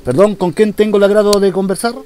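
A man's voice: sits high, level tone, fast talker, darkish tone, soft background music. A man performing a comic monologue as a police commissioner taking a phone call, in a mock-formal, polite manner.

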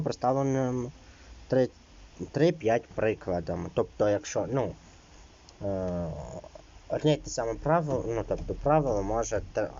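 A man's voice: on the low side, mellow, lo-fi sound. A man teaching an exam-prep lesson, reading out rules and then explaining them loosely, with many fillers.

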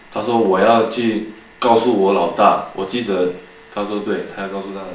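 A man's voice: fairly low pitch, reverberant, slight background noise, rough recording. A man giving a personal faith testimony in church, telling his story earnestly with many restarts and quoted dialogue. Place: church hall.

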